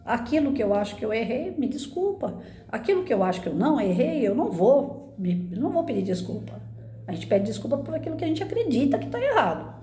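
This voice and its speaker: A woman's voice: on the high side, very animated, fast talker, warm tone, reverberant, slight background noise. A woman in her fifties, a former teacher, giving earnest conversational advice on family life and often ending phrases with tag questions. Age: 50s. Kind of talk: casual spoken reflection to camera.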